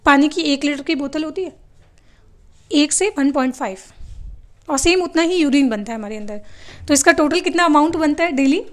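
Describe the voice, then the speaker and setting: High-voiced woman teaching biology. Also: moderate pace, pauses often. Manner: asks the class questions and answers them herself; mixes English terms into her explanations. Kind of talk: classroom lecture.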